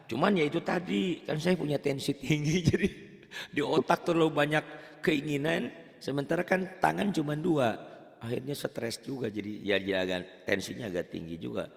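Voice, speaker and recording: A man's voice: a little high, normal speed, gravelly, big-room sound. A man with a Javanese accent teaching Quran reading in an online lesson, chatting and drilling syllables. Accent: Javanese Indonesian. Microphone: online call.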